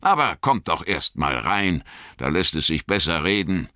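A man voicing a stout, red-faced hobbit farmer in an audiobook, gruff but hearty, with a loud, folksy manner. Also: low-pitched, very animated, normal speed, no echo, clean studio sound, full character voice. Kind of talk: audiobook character voice.

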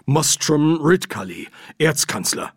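Man voicing a flustered archchancellor, stammering, husky, dry sound. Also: a little high, animated, slow, no room sound, voice pushed up, exaggerated voice. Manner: stammering, unsure. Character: blunt male archchancellor wizard, flustered.

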